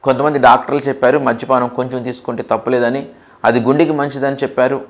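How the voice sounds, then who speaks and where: A man's voice: medium pitch, flat delivery, fast. Earnest male doctor recounting a case. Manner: repeats points emphatically. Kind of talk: earnest first-person account.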